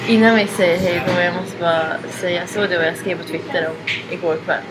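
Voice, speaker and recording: A woman's voice: lowish voice, steady tone, noisy background. A young woman from Sweden, co-hosting a podcast and telling stories casually, often quoting English lines. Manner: chatty storyteller, mixes English quotes into Swedish. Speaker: podcast co-host. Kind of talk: casual chat.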